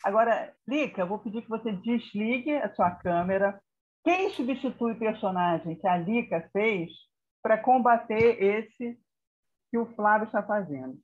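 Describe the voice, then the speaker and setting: A woman facilitator giving directive instructions in a theatre workshop over a video call. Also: fairly high pitch. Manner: directive, checks in with "tá?" and "ok". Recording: muffled video call audio.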